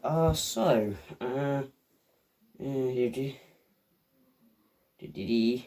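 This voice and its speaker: A man's voice: medium pitch, extremely slow, mellow. Rambling, hesitant man reviewing. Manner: rambling and hesitant, many fillers and restarts; eager fan, chatty asides to viewers. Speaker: video reviewer. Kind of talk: casual video review monologue.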